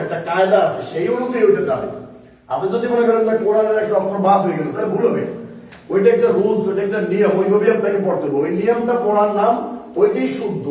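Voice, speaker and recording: A man's voice: sits high, mellow, recorded from a distance. A man teaching a Quran reading class, explaining step by step and asking the class questions. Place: mosque-side classroom. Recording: echoey room recorded from afar.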